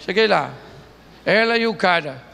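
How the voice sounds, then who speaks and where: A man's voice: high voice, lively intonation, normal speed, vocal fry, pushed and bright, long reverb tail, a little hiss or hum. A man preaching a humorous sermon as pastor, telling jokes and stories and laughing often. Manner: joking storytelling, laughing often. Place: church stage.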